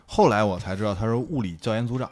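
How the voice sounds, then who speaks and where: A man's voice: lowish voice, quick pace. A young man, telling colloquial stories in casual chat. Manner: colloquial, energetic storytelling.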